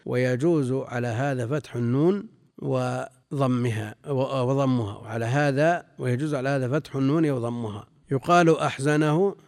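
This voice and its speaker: An Islamic scholar with a mid-range, darkish voice teaches a classical religious text, reading quoted sources aloud and then explaining them in a measured way. He repeats phrases, corrects himself, and sometimes questions his students, all in clean studio sound with no room echo.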